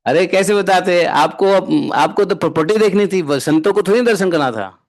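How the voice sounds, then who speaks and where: A man's voice: sits high, expressive, moderate pace. A man giving a devotional discourse as a spiritual teacher, bantering and often asking his listeners rhetorical questions.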